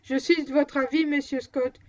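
A woman's voice: sits high, fairly even intonation, moderate pace, darkish tone, natural voice. Woman reading as a blunt stubborn dog handler. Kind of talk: audiobook reading. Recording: dull lo-fi recording.

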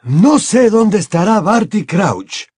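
A man voicing an old wizard headmaster who speaks firmly and with command, in a slightly husky voice. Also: sits high, big pitch swings, slow, darkish tone, no echo, clean studio sound, pitched above the performer's own voice, exaggerated voice. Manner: firm and commanding. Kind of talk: audiobook character voice.

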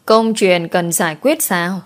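Woman doing a vain bossy old mistress, sour and snappy, lowish voice, storybook. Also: moderate pace, close to an everyday voice. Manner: scolding, sour and mocking. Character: vain, sharp-tongued older rich mistress.

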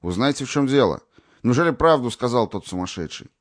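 A man voicing a tired, grave doctor in an audiobook, low and subdued. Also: lively intonation, fairly quick, no echo, studio quality, close to an everyday voice. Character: weary older male doctor, grave.

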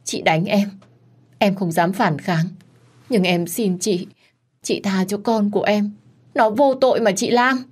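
A woman's voice: on the low side, moderate pace, long pauses, husky. A woman voicing a scheming pregnant young woman in her twenties who pleads in a trembling voice. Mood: pleading. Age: 20s.

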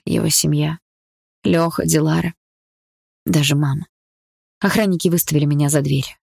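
A woman's voice: low-pitched, gravelly, a little mellow, dry recording, studio quality. A woman reading a first-person novel aloud in a tense, earnest manner. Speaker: audiobook narrator.

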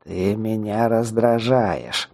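A male narrator voicing a menacing hooded necromancer with a rasping, rumbling demonic voice, drawn out slowly in an audiobook. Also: darkish tone. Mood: irritated. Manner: slow, drawn-out hiss.

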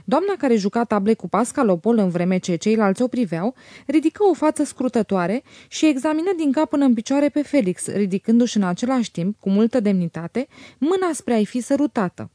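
A woman narrating a classic novel as an audiobook, in a measured, even reading on a close mic. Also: on the high side, dry recording.

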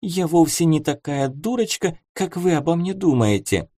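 A man reading an audiobook, voicing a curious young noblewoman in a raised girlish pitch. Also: expressive, normal speed, dark tone, no echo. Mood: prim, curious. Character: young flustered noble girl, curious baroness. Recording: dry close studio sound.

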